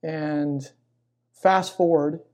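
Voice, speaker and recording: A middle-aged man, a chaplain being interviewed, telling personal stories in a reflective, conversational way with pauses mid-phrase. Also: on the high side, fairly even intonation, a little mellow. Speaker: military chaplain and pastor, interview guest. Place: inside a church.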